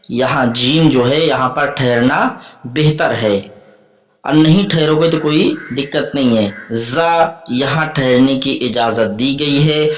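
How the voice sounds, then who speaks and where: A man teaches a Quran reading lesson in an unhurried way, pausing often and saying each point twice in other words. His voice sits a little high for a man, and he talks very slowly, as if to beginners. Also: a bit bright. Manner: patient, repeats and rephrases each point. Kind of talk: slow explanatory lesson.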